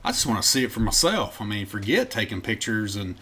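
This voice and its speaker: A man's voice: fairly low pitch, sing-song, fairly quick, bright, forceful tone, slightly rough. A man co-hosting a podcast, laid-back and chatty, drifting off into side tangents. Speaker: podcast co-host. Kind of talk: casual chat.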